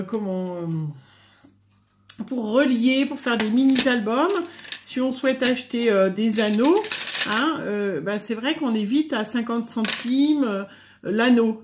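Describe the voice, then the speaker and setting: A woman's voice: on the high side, background noise. Hesitant French woman demoing crafts. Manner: hesitant, many fillers. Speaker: scrapbooking vlogger. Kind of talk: casual tutorial chat.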